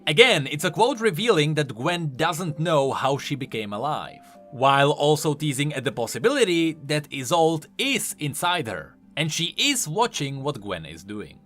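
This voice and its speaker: Over faint background music, a man with a fairly high, forceful voice gives commentary on game lore. He drives home each point with emphasis, his pitch swinging in a very animated way, at a normal speed with few pauses.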